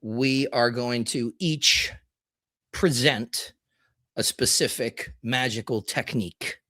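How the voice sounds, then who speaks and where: A man leads a casual podcast roundtable with loose, rambling energy, often laughing and swearing. His voice sits at a middle pitch. The sound is dry and close, with no room echo. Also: slow pace, bright, forceful tone. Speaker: podcast co-host presenting this month.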